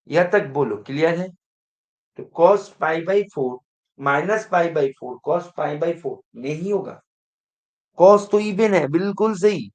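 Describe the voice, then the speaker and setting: A man teaching math to exam students, with a voice pitched a little high. He talks slowly and deliberately. He keeps asking the class questions and repeats his calls to pay attention. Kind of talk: exam-prep lecture.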